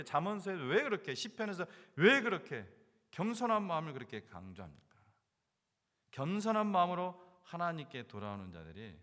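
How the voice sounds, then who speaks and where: A man's voice: a little high, bright, forceful tone, long reverb tail. A male pastor preaching a sermon, asking the congregation questions and repeating key words for emphasis. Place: church sanctuary.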